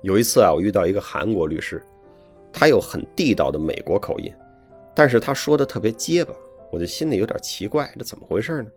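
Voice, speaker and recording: A man's voice: lowish voice, animated, fast. A man giving friendly, folksy advice to young learners in a chatty, scripted talk. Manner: chatty, folksy, adds friendly tag questions. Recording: soft piano music behind the voice.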